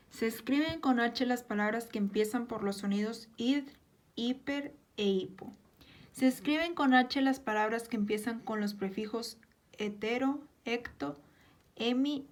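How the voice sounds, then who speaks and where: A woman with a fairly high voice reads grammar rules aloud at an unhurried pace. She works through them point by point, pausing on each example word. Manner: slow, careful, listing examples word by word. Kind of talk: reading spelling rules aloud.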